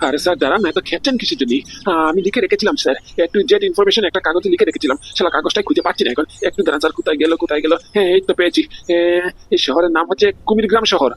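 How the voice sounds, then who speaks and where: A man's voice: sits high, big pitch swings, rapid-fire, gravelly, a bit bright, breathy edge, full character voice. A man playing a deferential employee who reports to his boss, politely fumbling with his words in a comedy sketch. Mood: nervous.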